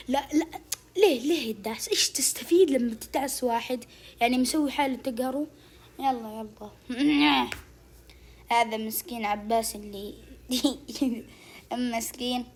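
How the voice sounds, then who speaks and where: A channel host giving casual gameplay commentary, urging the game on with quick repeated words. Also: mid-range voice, a little mellow, slightly rough.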